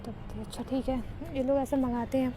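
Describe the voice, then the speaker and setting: High-pitched woman, chatty storytelling, lots of fillers, noisy recording. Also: fairly even intonation, fast. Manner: chatty, retells dialogue with many fillers. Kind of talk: casual spoken storytelling.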